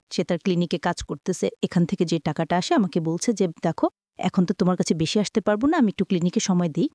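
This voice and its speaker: With a fairly low pitch and a darkish tone, a woman with a Bangladeshi accent recounts her life story on a radio show. The sound is clean studio quality with no echo. She speaks conversationally, mixes in English words, and acts out the dialogue she reports.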